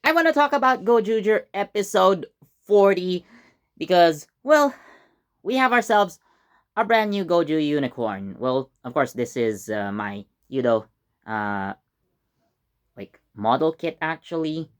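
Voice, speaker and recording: A man's voice: a little high, big pitch swings, measured pace, smooth. A man hosting his channel, casually reviewing a TV episode in a chatty, rambling way with lots of fillers and self-corrections.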